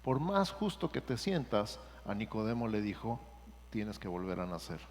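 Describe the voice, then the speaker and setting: A man's voice: on the low side, big pitch swings, moderate pace, darkish tone, slight background noise. A man preaching a sermon as pastor and leading a prayer for the congregation to repeat. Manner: earnest, leads a repeat-after-me prayer. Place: church sanctuary. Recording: church hall reverb with music underneath.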